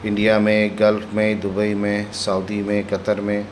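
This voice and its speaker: A man's voice: lowish voice, monotone, unhurried, slight background noise. A man giving a short promotional introduction for a training course, in a salesy tone. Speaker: institute promoter.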